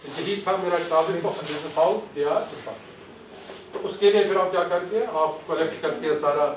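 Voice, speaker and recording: A man with a Kashmiri accent giving a training lecture, explaining step by step, asking questions and then answering them, slipping English terms into his speech. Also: a little high. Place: lecture hall. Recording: echoey hall, distant mic, faint hiss.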